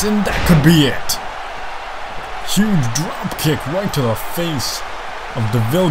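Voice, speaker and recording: A man giving live play-by-play wrestling commentary in a dramatic, exclamatory way, with emphatic reactions. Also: medium pitch.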